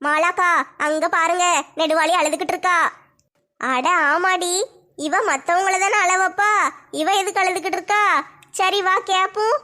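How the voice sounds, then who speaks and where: Very high, bright-voiced woman. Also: fairly even intonation, measured pace, pauses often. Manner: chatty, teasing. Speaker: comedy sketch creator. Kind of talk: village comedy skit.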